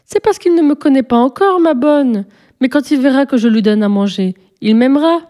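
A woman's voice: normal speed, dark tone, lightly acted. A woman voicing a spirited, stubborn little girl in a storybook reading, eager and pleading. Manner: eager, pleading, high-pitched.

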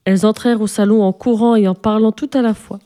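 A woman reading a classic children's story aloud in a measured storytelling manner. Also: medium pitch, steady tone, warm tone.

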